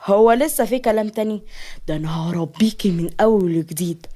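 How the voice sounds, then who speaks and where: A woman's voice: on the low side, normal speed, a little mellow, natural voice. A woman voicing a cruel, jealous husband who taunts and threatens, in an Egyptian accent. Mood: mocking. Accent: Egyptian Arabic. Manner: mocking, menacing.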